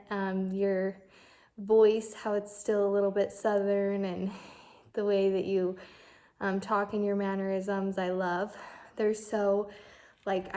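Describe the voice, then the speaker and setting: A woman's voice: medium pitch, darkish tone. A young woman giving a heartfelt, rambling birthday message to her grandfather, with many fillers. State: emotional, close to tears.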